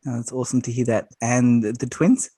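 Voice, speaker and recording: A man's voice: mid-range voice, flat delivery, moderate pace, mellow, no room sound. A man hosting a casual video-call interview, upbeat with short reactions. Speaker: host.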